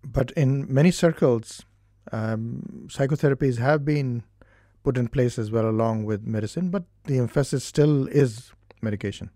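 A man from India with an Indian accent, a doctor explaining his therapy in a studio interview in a measured way, pausing to find his words. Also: medium pitch, warm tone, no room sound.

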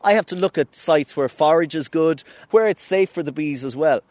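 Man, Irish Midlands accent, slightly high pitch, talkative, keen, casual interviewee, dry sound. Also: moderate pace, a little mellow, no echo. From Irish midlands (Athlone), Ireland. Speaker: beekeeper and wildlife rescuer, interviewee.

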